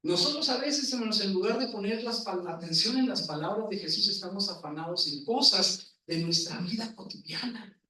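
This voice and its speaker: A man's voice: high voice, sharp tone. A man preaching a sermon in a church, often asking the congregation questions. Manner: asks the congregation questions, slow emphatic phrasing. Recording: echoey room, voice from far off.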